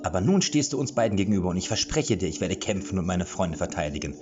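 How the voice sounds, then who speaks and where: A man's voice: low-pitched, very animated, fast, muffled recording. A man voicing a young male hero who stammers through awkward excuses, reading a storybook. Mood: determined. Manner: stammering, sheepish.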